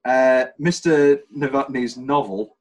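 On a low-quality recording, a medium-pitched British podcast host takes it slowly as he rambles about favourite film scenes. He keeps things jokey, acting out quotes in silly voices.

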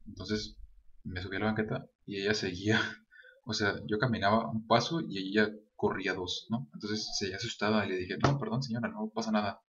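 A man's voice: lowish voice, steady tone, a little fast, a bit bright. A young man with a Mexican accent, earnestly telling a personal anecdote straight to his viewers. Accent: Mexican Spanish. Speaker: vlogger. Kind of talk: casual storytelling to camera. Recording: dull lo-fi sound.

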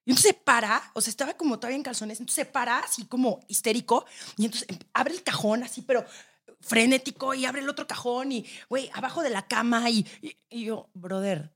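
Podcast guest: young Mexican woman with a slightly high, husky voice, animated slangy storyteller. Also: fast talker. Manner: lively storytelling, laughs often, slangy. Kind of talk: casual chat.

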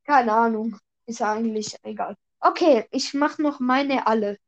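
A high-pitched woman hosts a relaxed podcast and tells jokes with eager storytelling. She tends to explain her own punchlines. Her voice comes through a dull, lo-fi mic with a faint robotic echo. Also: a little slow. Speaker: podcast host. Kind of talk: casual joke-telling chat.

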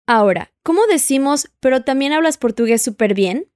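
A woman's voice: high-pitched, lively intonation, normal speed, darkish tone, no echo, studio quality. Patient woman teaching Portuguese. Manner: patient, prompts the listener to repeat and answer. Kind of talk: audio language lesson.

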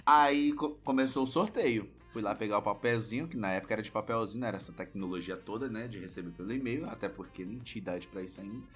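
A man with a Brazilian Portuguese accent telling a story in casual, lively chat. He swears freely and acts out his younger self. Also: on the low side, fast talker, few pauses, soft background music.

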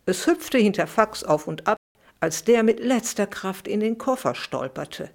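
A middle-aged woman, a children's author, reading her own bedtime story aloud for a podcast in a lively, expressive way. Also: mid-range voice, a little slow, creaky.

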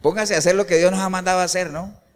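A male pastor delivering an animated sermon, often putting rhetorical questions to the congregation. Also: sits high, rapid-fire, long reverb tail.

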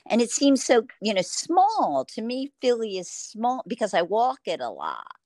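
A woman from Philadelphia talking reflectively in a relaxed conversation, acting out her own shouting when she tells stories. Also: on the high side, unhurried, dry recording, clean studio sound. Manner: animated storyteller, acts out her own shouting.

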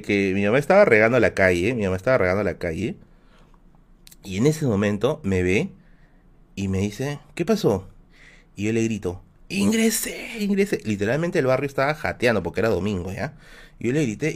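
A man's voice: fairly low pitch, moderate pace. Peruvian guy on his stream telling a story, voice jumps up and down a lot, tons of slang and fillers. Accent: Peruvian Spanish. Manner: animated, slangy anecdote telling with many fillers. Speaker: livestream host. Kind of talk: casual storytelling on a live stream.

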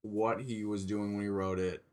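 A man's voice: on the low side, level tone, moderate pace, darkish tone. A man co-hosting a podcast, chatting casually and musing in an earnest, puzzled way. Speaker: podcast co-host. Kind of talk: casual chat.

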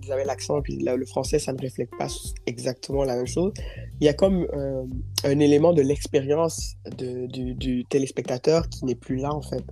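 Warm-voiced woman speaking expressively. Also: rumbling low, moderate pace, soft background music. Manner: fluent and expressive, with some repetitions. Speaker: interview guest, community leader. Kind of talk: conversational interview.

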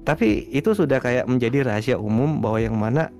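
A man, a guest streamer, chatting casually in an interview, relaxed and rambling with lots of fillers. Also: mid-range voice, brisk, soft background music.

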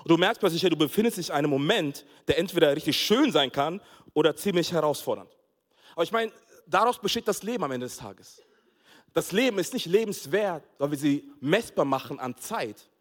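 A man preaching a sermon as pastor, telling a funny family story with lively acted-out dialogue and frequent laughter. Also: a little high, fairly quick. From Togo. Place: church hall. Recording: long hall reverb.

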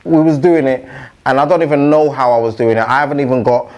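A man's voice: mid-range voice, fast talker, darkish tone. A man with a London roadman accent in casual podcast chat, using street slang and frequent tag questions. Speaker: podcaster being interviewed.

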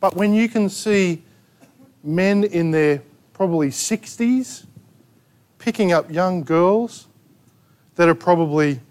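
High-voiced Australian preacher. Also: male voice, slow pace, long pauses. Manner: emphatic preaching with rhetorical questions and sharp asides. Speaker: pastor. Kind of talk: sermon. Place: church gathering in a rented hall.

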